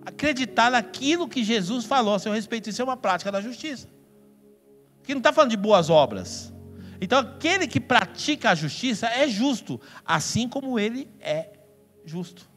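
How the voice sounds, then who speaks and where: Lively Brazilian pastor in an echoing church. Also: male voice, sits high. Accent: Brazilian Portuguese. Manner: emphatic and playful, with sudden loud outbursts and mock voices. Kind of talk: sermon. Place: church hall. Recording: long hall reverb with faint music.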